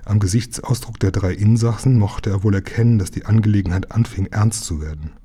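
A man reading a children's book aloud, telling it calmly and evenly. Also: lowish voice, a little fast, husky. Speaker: narrator.

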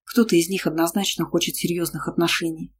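A woman's voice: on the low side, steady tone, fairly quick, slightly rough. A woman narrating a first-person novel in an emphatic, indignant tone. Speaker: audiobook narrator.

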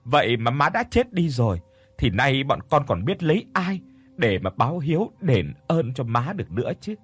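A man's voice: medium pitch, sing-song, normal speed, slightly rough. A man voicing a middle-aged daughter-in-law who wails theatrically and fakes her grief at a funeral in an audio story. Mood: wailing. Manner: melodramatic theatrical wailing. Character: woman, fake-wailing grieving daughter-in-law.

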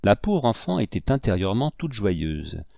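A man narrating a novel in a steady, measured audiobook reading. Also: on the low side, vocal fry, no echo.

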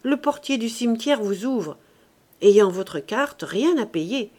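A woman reading the part of an old rustic gardener, frantic and despairing, talking loudly to himself in old country speech. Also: on the high side, animated, slow. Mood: urgent. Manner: loud agitated monologue in old rustic speech.

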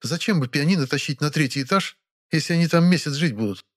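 Guy doing a haughty old stage diva, high put-on voice, theatrical. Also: fast talker, close to an everyday voice. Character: grand sharp-tongued elderly actress, imperious.

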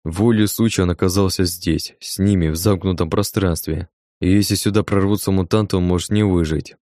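A man narrating a first-person audiobook in a calm, even manner. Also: deep voice, brisk, no room sound, studio quality.

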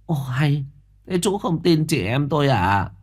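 A man's voice: on the high side, big pitch swings, measured pace, darkish tone, breathy edge, pitched above the performer's own voice, full character voice. A man doing an anxious, bossy village woman. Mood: urgent. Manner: urgent, insistent.

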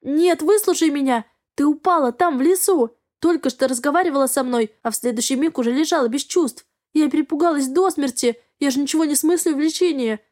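A woman's voice: high voice, steady tone, moderate pace, a little mellow, close to an everyday voice. A woman voicing a frightened, guilt-ridden young woman who pleads in a quavering, breathless voice. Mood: frantic.

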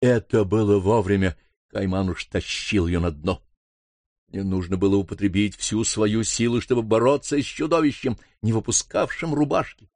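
A man reading a first-person adventure novel aloud in a steady storytelling manner. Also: lowish voice, moderate pace, dry recording. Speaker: audiobook narrator.

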